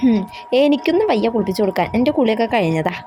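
A woman's voice: a little high, very animated, very fast, warm tone, faint music behind. A woman playing an older grandmother in a homemade family skit. The grandmother coos over one grandson and scolds the others. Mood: grumbling. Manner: coaxing and scolding by turns, sing-song baby talk.

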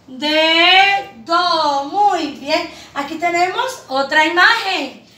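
A woman teacher leads a reading lesson for small children in a very high, bright voice. She speaks extremely slowly, drawing out each syllable and lovingly addressing her pupils. Her voice rings in an echoey room, picked up from a little away from the mic. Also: recorded from a distance. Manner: slow, drawn-out syllables, affectionate address to pupils.

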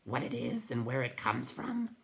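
A man voicing a small, anxious night hob creature who hoots in squeaky, startled outbursts. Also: sing-song, normal speed, gravelly, a bit bright. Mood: alarmed.

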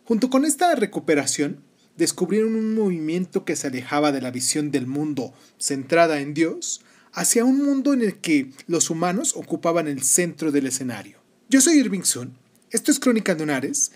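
A man with a slightly high-pitched voice hosts a history podcast. He reads narration and speaks informally to his listeners. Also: very animated, moderate pace, darkish tone. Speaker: podcast host. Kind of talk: history podcast, partly read narration with casual asides.

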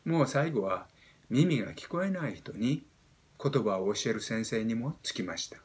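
A Japanese man in his seventies teaching pronunciation, explaining step by step and demonstrating sounds with animated emphasis. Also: mid-range voice, moderate pace. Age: 70s. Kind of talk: explaining lesson.

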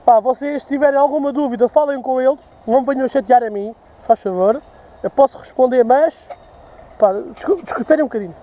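A man in his thirties with a European Portuguese accent walks a dirt path, drinking a beer and swearing freely as he talks loosely to a handheld camera at arm's length. His voice is extremely high-pitched and brisk, and the recording sounds muffled.

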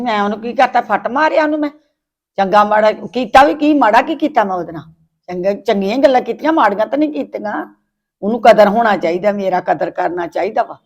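A woman acting a sharp-tongued mother-in-law who complains indignantly about her son's new wife, in a family web drama. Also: medium pitch, dull audio, lightly acted. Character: sharp-tongued older mother-in-law, quick to take offence.

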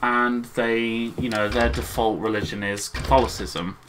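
A man's voice: mid-range voice, flat delivery, unhurried, a bit bright, soft background music, low-quality recording. A man co-hosting a gaming channel, chatting casually and rambling with many hesitations.

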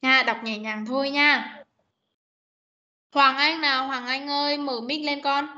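Over a dull, muffled video call, a high-voiced woman English teacher runs an online pronunciation class in a bright, clear, steady tone at a measured pace. She patiently coaxes her students and repeats each sound for them to copy.

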